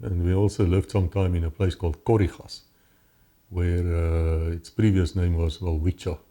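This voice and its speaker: A man with a South African accent tells his life story as a guest in an interview, giving personal testimony in conversation. He is earnest and often restarts his words. His voice is low and dark in tone, with little pitch movement and a moderate pace.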